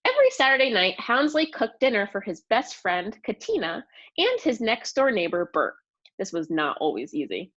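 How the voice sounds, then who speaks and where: A female teacher leads an expressive read-aloud lesson for young children, explaining and asking questions along the way. Her voice is on the high side at a normal speed, and the audio sounds dull.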